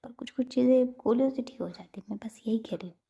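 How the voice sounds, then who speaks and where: A woman's voice: medium pitch, moderate pace, vocal fry, warm tone, slightly rough, highs cut off. A woman playing a teasing young woman in love. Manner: teasing, mock-brave.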